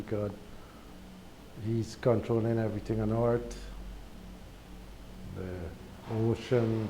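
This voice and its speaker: Guyanese guy telling his story, real slow and halting, steady noise behind him. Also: fairly low pitch, poor audio. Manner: slow, halting, with repeated words and pauses. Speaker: speaker sharing a spiritual testimony. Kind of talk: personal testimony monologue. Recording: recorded with clear background noise.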